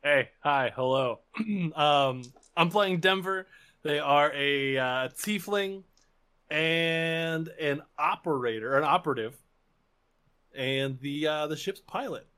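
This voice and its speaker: A man's voice: a little high, takes it slowly, bright, forceful tone, smooth. A man playing a tabletop game, talking casually and a little hesitantly. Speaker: tabletop player.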